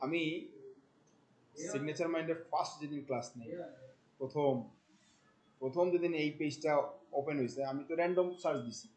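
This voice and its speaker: A man, teaching a class. He talks in a colloquial, animated way, firing questions at the students. He drops English terms into his explanations. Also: fairly high pitch, low-quality recording. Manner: questions the class often, mixing in English words. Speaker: marketing instructor. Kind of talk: classroom lecture.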